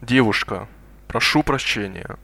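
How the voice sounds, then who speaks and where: A man modeling pronunciation for a language course, saying each phrase slowly and deliberately twice. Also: mid-range voice, creaky, bright, forceful tone, dry recording. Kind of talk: slow repeated pronunciation drills.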